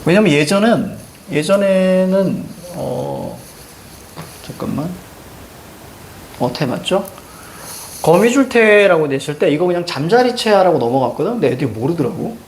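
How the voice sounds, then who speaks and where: Animated male teacher lecturing a class. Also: on the high side, moderate pace, vocal fry, slight background noise. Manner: animated storytelling, jokey asides.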